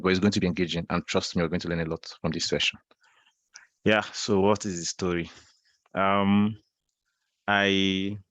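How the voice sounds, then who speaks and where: This young Nigerian man in his twenties sits low in pitch, with a fairly bright tone and no echo. As a guest speaker on a video call, he tells a personal story conversationally during an online talk, often repeating and restarting his phrases.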